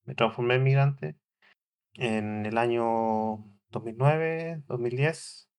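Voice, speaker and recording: A man's voice: medium pitch, slow, a little mellow, smooth. A man, hosting a solo podcast in a hesitant way, with many fillers and restarts. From Chile. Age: 40s. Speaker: podcast host.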